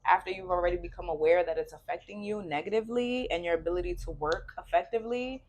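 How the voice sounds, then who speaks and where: A young woman co-hosting a podcast, chatting casually and telling stories with lively acted-out quotes. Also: on the low side, fast, a little hiss or hum. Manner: animated storytelling, acts out her own quoted lines. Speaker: podcast co-host.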